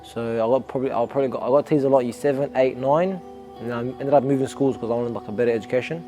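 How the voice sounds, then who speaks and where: A man's voice: mid-range voice, fast talker, warm tone, soft background music. A young Australian man, an amateur boxer, talking earnestly and reflectively in a documentary interview, often restarting his sentences.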